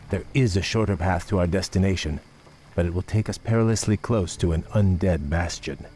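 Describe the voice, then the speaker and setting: An actor playing a courteous, weary young elven prince in a fantasy video game, speaking in a formal, measured way. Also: male voice, low voice, a little mellow, a little hiss or hum, close to an everyday voice. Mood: earnest. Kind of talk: dramatic video game cutscene acting.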